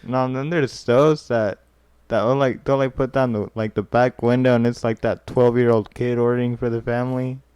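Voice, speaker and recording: A man's voice: medium pitch, fairly even intonation, moderate pace, darkish tone, clear, resonant tone, no room sound. A man as podcast guest, talking laid-back with lots of filler words. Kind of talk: casual chat.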